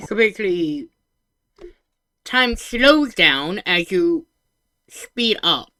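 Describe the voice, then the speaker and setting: A woman VTuber giving casual live reaction commentary in a cute anime-streamer manner, excitable and informal, swearing and thinking out loud. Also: on the low side, slow pace, faint music behind.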